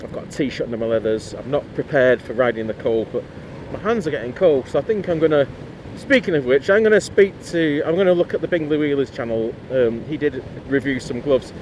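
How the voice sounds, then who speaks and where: Chatty Northern English biker. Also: male voice, mid-range voice, fairly quick, darkish tone. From Lancashire, England. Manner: chatty, rambling, blunt. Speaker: motorcycle vlogger. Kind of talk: casual talk while riding. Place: outdoors riding a motorcycle in the cold. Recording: faint road and traffic noise.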